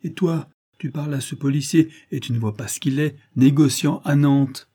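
A man's voice: a little high, moderate pace, mellow, breathy edge, voice pushed up. Raphaëlle, scornful schemer, voiced by a man. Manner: scolding, contemptuous. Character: sharp-tongued scheming woman gambling-club boss. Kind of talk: audiobook character reading.

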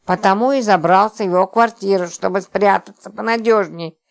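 A woman reading the part of an exasperated, sarcastic man who hides out in a stranger's flat, prone to angry outbursts. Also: fairly low pitch, close to an everyday voice. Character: exasperated sarcastic man, a company boss hiding out.

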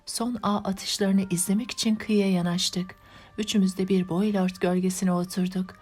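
Steady, even-toned woman narrating an audiobook. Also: mid-range voice, moderate pace, husky, soft background music. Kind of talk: audiobook narration of a classic novel.

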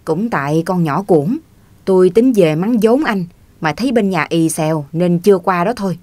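A woman's voice: lowish voice, animated, normal speed, dark tone, dry recording. A woman reading the part of a touchy, stubborn grown man from the countryside who grumbles defensively. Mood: grumbling.

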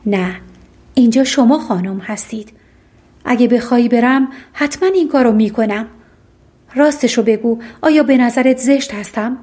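A woman voicing a lonely male beast in an audiobook fairy tale, speaking in a halting, plain and soft way. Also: a little high, natural voice. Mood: humble. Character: gruff lonely beast, male, shy and humble. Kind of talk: audiobook storytelling.

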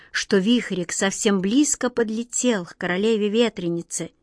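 A woman narrating a fairy tale audiobook in a calm, measured storytelling voice. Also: medium pitch, no echo, studio quality.

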